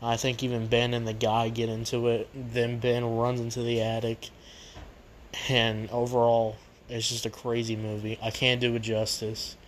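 Man rambling flatly on a cheap mic. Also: mid-range voice, moderate pace. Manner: rambling, repetitive. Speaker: movie review show host. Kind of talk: casual unscripted review commentary. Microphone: poor makeshift microphone. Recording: cheap makeshift mic, noisy background.

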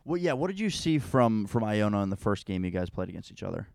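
A man's voice: fairly low pitch, sing-song, fast talker, vocal fry, darkish tone, no room sound, clean studio sound. An American man hosting a podcast, chatting casually as he interviews a guest in a team locker room. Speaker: podcast host.

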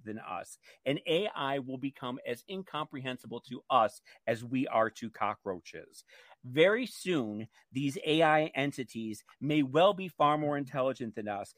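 A man's voice: mid-range voice, no room sound. A man co-hosting a radio show, talking casually and reading aloud.

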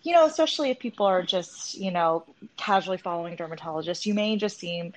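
A woman in her thirties with a somewhat low pitch for a woman speaks as a podcast guest. She explains her medical specialty in a relaxed, unhurried way, often pausing on "um". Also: rough recording. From born in Hong Kong, raised near Los Angeles. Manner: relaxed, explanatory, frequent "um" fillers. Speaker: dermatologist and interview guest. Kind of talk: podcast interview.

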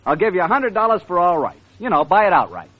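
A man's voice: high voice, very animated, fast. A man playing a slick, wheedling crooked music publisher, in 1940s radio comedy style, on a dull old recording.

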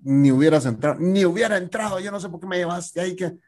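A man's voice: high-pitched, fast talker. A man with a Guatemalan Spanish accent, chatting casually as a co-host and telling stories with acted-out quotes. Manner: lively storyteller acting out quotes. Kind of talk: casual chat.

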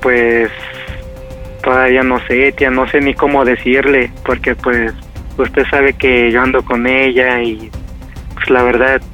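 A Mexican man in his early thirties talks casually on a radio call. His voice is bright and sits at a medium pitch, with hesitant, colloquial phrasing over soft music. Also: little pitch movement, unhurried, dull audio. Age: early 30s. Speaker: caller to a radio show. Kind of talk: casual phone chat.

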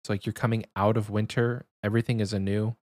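A young man with a fairly low voice co-hosts a podcast in a loose, conversational way. He holds his volume down as he talks. The recording is dry and close, with no room echo. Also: level tone, fast talker. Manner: talking quietly to avoid waking someone. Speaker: podcast co-host. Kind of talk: casual podcast chat.

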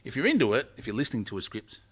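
A man with an Australian accent chatting in an interview as a former warm-up comedian, telling jokes animatedly. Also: mid-range voice, very fast, slightly rough. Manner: animated, joke-telling raconteur. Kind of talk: casual interview chat.

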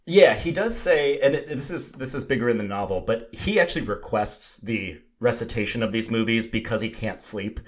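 A man's voice: mid-range voice, moderate pace, few pauses. A man co-hosting a film podcast, breaking down a movie in casual, analytical talk and passing the floor to his co-host. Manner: analytical, hands off to co-host by name.

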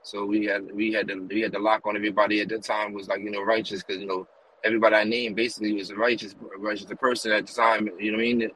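A man's voice: lowish voice, flat delivery, fast talker, pushed and bright, rough recording. A man from the US East Coast, a rapper and promoter telling long rambling stories in a casual interview while riding in a car. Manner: rambling run-on stories with many fillers and "you know what I mean". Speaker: guest, rapper and music promoter.

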